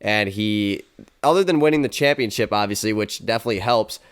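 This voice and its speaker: Stuffy-nosed young podcast host. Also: male voice, fairly low pitch, a little fast, smooth. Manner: upbeat, chatty with filler words. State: stuffy, congested voice. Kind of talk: casual sports podcast chat.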